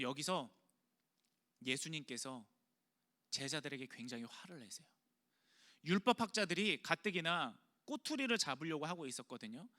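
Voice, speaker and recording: A man's voice: a little high, pushed and bright. A male pastor preaching a sermon, telling the story dramatically and asking the congregation questions.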